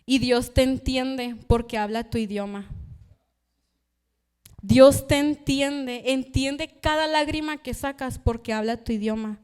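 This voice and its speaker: A woman's voice: sits high, unhurried, a little mellow, clean tone. A young woman preaching a sermon in church, telling a personal story and acting out the voices she quotes. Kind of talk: youth sermon.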